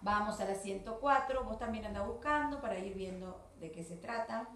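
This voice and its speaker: A woman with a Rioplatense Spanish accent giving a video English class to children, saying English words slowly and with care. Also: medium pitch, a bit bright, reverberant, slight background noise. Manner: slow, careful, exaggerated English words for children. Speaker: English teacher.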